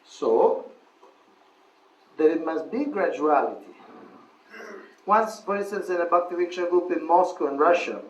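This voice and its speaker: A man's voice: a little high, lively intonation, a little slow, pauses often, dull audio. A man teaching a seminar and answering a question. He thinks aloud, restarts phrases, and laughs at his own stories. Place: seminar hall. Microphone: far room mic. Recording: echoey room from far off.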